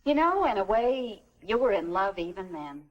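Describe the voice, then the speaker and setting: An actress playing a middle-aged, gentle and wise American mother in a stagy 1950s educational film, explaining things in a measured, tidy way. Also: medium pitch, sing-song, muffled recording. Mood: gently instructive.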